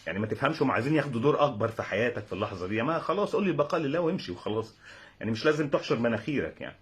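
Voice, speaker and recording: A young man with an Egyptian accent tells a funny personal story with exasperated sarcasm. His voice is husky and very animated, and he rattles the words off at a breakneck pace. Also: mid-range voice, very fast. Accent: Egyptian Arabic. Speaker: comedic storyteller.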